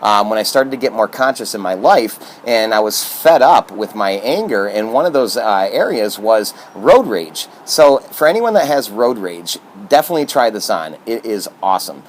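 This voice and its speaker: A man's voice: on the low side, sing-song, normal speed, few pauses, slight background noise. A man from Michigan giving casual motivational talk to camera as a self-help vlogger, upbeat and earnest, with plenty of fillers.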